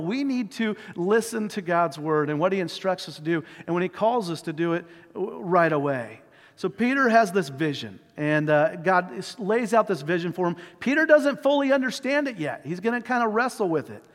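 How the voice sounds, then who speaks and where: High-voiced pastor preaching in a reverberant hall. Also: male voice. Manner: conversational preaching with fillers, reads scripture aloud. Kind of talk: sermon. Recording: long reverb of a church hall.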